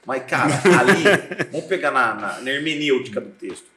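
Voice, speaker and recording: A man, a pastor and seminary professor, chatting on a podcast with a deep voice, telling stories and acting out scenes. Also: brisk, echoey room. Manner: lively storyteller, acts out scenes, laughs often. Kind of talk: casual podcast chat.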